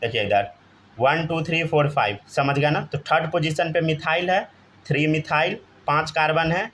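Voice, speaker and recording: Male chemistry teacher, slightly high voice. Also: moderate pace, a bit bright, a little hiss or hum. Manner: keeps asking students to answer, often says "theek hai". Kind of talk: live classroom lesson.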